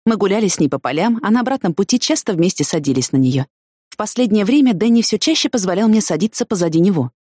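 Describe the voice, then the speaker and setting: Expressive woman audiobook narrator. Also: mid-range voice, quick pace, slightly rough, no room sound, studio quality. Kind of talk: first-person audiobook narration.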